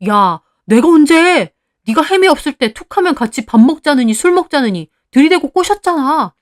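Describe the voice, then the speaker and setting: A woman's voice: high-pitched, expressive, normal speed, voice pushed up. A woman voicing a cheating husband who argues defensively and begs. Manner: pleading, defensive.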